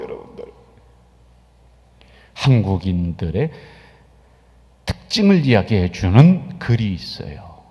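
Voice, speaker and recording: A male pastor preaching in a church sanctuary, his voice high and very lively in pitch. He moves between loud, forceful declarations and soft, hushed passages, and long reverb from the hall trails after his words. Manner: swings from loud proclamation to hushed whispers. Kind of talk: sermon.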